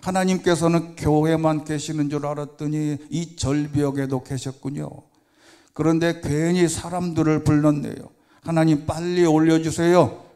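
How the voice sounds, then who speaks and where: A frantic, pleading male deacon shouts up a cliff in a raised, strained voice, as a preacher acts him out. The tone is mellow and dark underneath the panic. He begs and bargains, loud and breathless. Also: fairly high pitch, flat delivery, normal speed, natural voice. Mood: desperate pleading. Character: panicked middle-aged male church deacon hanging from cliff.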